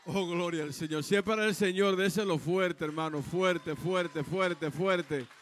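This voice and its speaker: A man's voice: a little high, unhurried, a faint crowd. A man, a pastor, leading a congregation in prayer and urging them on. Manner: exhorting the congregation.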